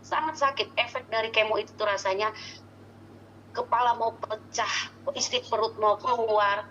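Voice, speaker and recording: Woman, testimonial speaker; halting, restarts often, dull faint-hum recording. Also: mid-range voice, flat delivery, fairly bright tone. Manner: halting, searching for words, many restarts. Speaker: customer giving a product testimonial. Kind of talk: casual spoken testimony.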